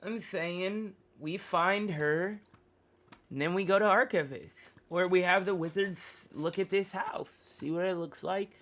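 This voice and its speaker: A man in a tabletop game, playing his character in a brash, excitable way. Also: high voice, unhurried, a little hiss or hum. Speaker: player.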